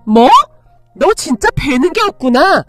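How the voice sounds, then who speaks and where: A woman voicing a harsh, greedy, superstitious middle-aged mother who shouts and scolds. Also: high voice, very animated, measured pace, dry recording, faint music behind. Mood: shrill scolding.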